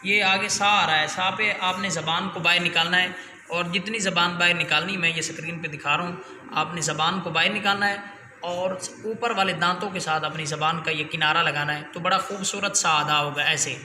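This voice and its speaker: A man teaching Quran letter pronunciation in a patient, explanatory way. He draws each letter out slowly as he demonstrates it. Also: high voice, steady tone, bright, forceful tone, slight background noise. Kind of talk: spoken lesson with letter drills. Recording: echoey room with long reverb.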